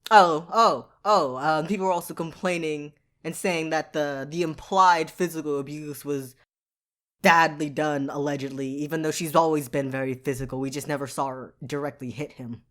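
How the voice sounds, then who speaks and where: A woman co-hosting a casual podcast chat, animated and quick to laugh, speeding up when she rants. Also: low voice. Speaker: podcast co-host.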